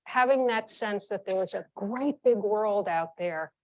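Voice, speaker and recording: This former chief executive, a New York woman in her sixties, shares candid career stories in an interview, vivid and frank, repeating points for emphasis. Her medium-pitched voice has a darkish tone and moves a little slowly.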